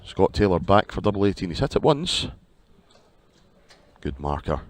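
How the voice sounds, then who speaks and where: Darts commentator, male, low pitch, wry and chatty live play-by-play on a headset. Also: big pitch swings, moderate pace, dry recording. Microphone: headset at commentary position.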